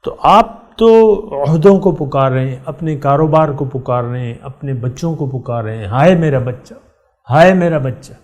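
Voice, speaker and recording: A middle-aged man teaching a Quran lesson in the manner of a sermon. His voice sits at an ordinary middle pitch. He talks directly to his listeners, repeats key words for emphasis, and slows down to recite verses. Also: animated, a little mellow.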